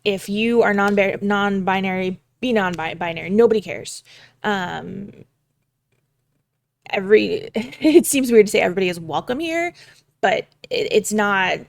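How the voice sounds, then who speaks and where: A young woman talks through her game prep out loud, rambling and swearing casually as she thinks. Her voice has a gravelly, fry-tinged edge, and the sound is dry and close. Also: mid-range voice, a little slow, dry recording. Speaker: game master prepping a campaign. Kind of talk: casual thinking-aloud vlog.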